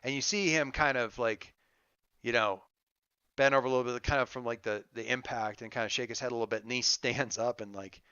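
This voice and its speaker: A man running a tabletop game as game master, narrating off the cuff and thinking aloud in a halting, casual way. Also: mid-range voice, fairly even intonation, bright, forceful tone, smooth, no room sound, muffled recording.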